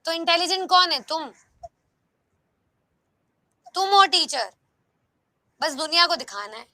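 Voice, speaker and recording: Bright high-voiced woman teaching a lively class. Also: takes it slowly, no room sound. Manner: lively, coaxing, asks students rhetorical questions. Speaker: online exam-prep teacher. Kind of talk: live online class, Hindi mixed with English.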